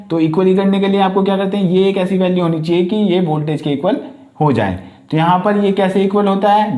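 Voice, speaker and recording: A man's voice: fairly high pitch, a little mellow. A man teaching a lesson for competitive-exam students, explaining step by step and speaking directly to his students. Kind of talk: exam-prep lecture.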